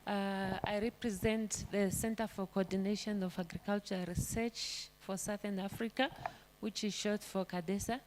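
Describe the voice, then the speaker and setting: A woman's voice: medium pitch, fairly even intonation, normal speed, noisy background. Woman, organization representative, hesitant, fillers, forum introduction. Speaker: research center representative. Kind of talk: conference self-introduction.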